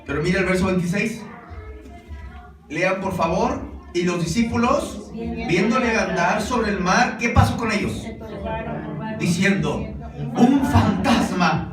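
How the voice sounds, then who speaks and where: A man's voice: high voice, measured pace, pauses often. A man preaching a sermon, speaking conversationally and often questioning his congregation and calling them brothers. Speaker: pastor. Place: church hall. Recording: roomy echo, distant mic, music behind.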